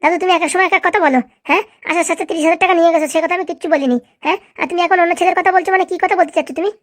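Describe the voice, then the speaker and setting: A woman's voice: extremely high pitch, steady tone, very fast, no echo, clean studio sound. A woman voicing a headstrong young village granddaughter in a cartoon comedy, who argues back in rustic speech. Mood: arguing.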